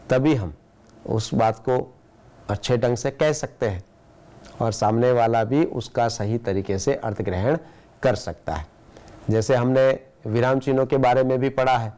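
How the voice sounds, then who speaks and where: An Indian-accented man speaks as a schoolteacher giving a recorded lesson. His pitch sits in the ordinary middle range for a man. He explains step by step, asks his students rhetorical questions, and slows down to read each example sentence with care. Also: darkish tone. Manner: slow, deliberate reading of example sentences. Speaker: school teacher.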